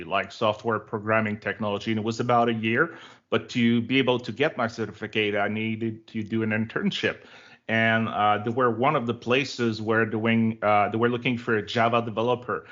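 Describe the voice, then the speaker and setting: Speaking in a medium-pitched, fairly bright voice, this forties-aged man from Quebec chats warmly and talkatively as an interview guest, with plenty of fillers. French is his native language, and his Québécois accent comes through. The casual conversation is captured in lo-fi online call audio.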